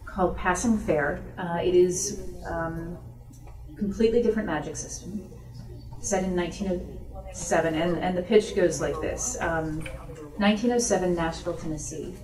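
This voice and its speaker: Speaking at a moderate pace with a fairly low pitch, a woman author responds to questions from the audience at a book event. Her tone is informal and explanatory, like a conversation, and the bookstore event room echoes through the distant microphone.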